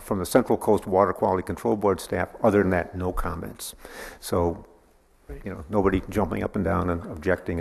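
Man, executive officer, gravelly low voice, halting report, echoey chamber. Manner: measured, halting, with frequent fillers. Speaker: executive officer of a public agency. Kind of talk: reporting at a public board meeting. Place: city council chambers.

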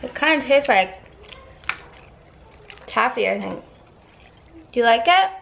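A woman's voice: on the high side, expressive, slow pace, gravelly, a bit bright, muffled recording, slight background noise. A woman in her thirties, a family vlogger, chatting lightly and giggling to a camera held at arm's length in her kitchen. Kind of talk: casual vlog chat. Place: home kitchen indoors. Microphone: handheld camera at arm's length.

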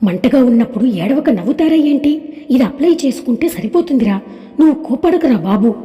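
A woman's voice: high-pitched, animated, brisk, dark tone, dull audio, soft background music. A woman voicing a cheerful, teasing male doctor in an audio story, with an easygoing, reassuring manner. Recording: long hall reverb.

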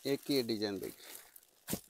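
A man presenting products for sale in an eager, repetitive teleshopping-style pitch. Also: slow pace, creaky, noisy background. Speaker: saree seller presenting products. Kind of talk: product sales demonstration.

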